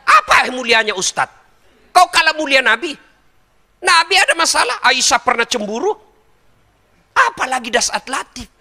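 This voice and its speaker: A man's voice: very high voice, normal speed, long pauses, in a large hall. A middle-aged man giving a humorous sermon, joking and speaking straight to the audience. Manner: lively, joking, addresses the audience directly. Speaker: preacher.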